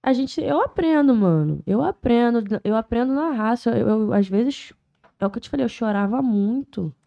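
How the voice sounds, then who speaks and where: A woman's voice: a little high, lively intonation, normal speed, gravelly, muffled recording. A woman, a rapper guest talking in a casual podcast interview, full of street slang and emphatic, heartfelt points. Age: 20s.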